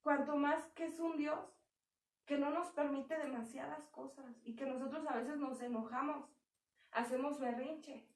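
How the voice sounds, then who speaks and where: Young woman preaching in church, high voice, kinda far from the mic, echoey room. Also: steady tone, unhurried. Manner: conversational preaching with acted quotes. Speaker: church speaker. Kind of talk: sermon. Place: church hall.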